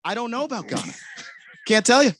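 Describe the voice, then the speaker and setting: A man from Guyana co-hosting a casual radio show, talking in an animated, defensive way, on a studio mic at home. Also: very high voice, no room sound. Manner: animated, defensive, quick to protest. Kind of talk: casual sports radio banter. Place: home studio on a video call. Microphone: studio mic on boom arm.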